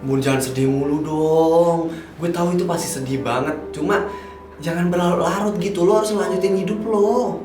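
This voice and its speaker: Guy doing a sweet girl friend, soft and coaxing, bit higher, echoey with music. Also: steady tone, moderate pace, lightly acted. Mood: comforting. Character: caring young woman friend, gentle advisor. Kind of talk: amateur drama acting. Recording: roomy distant mic with music.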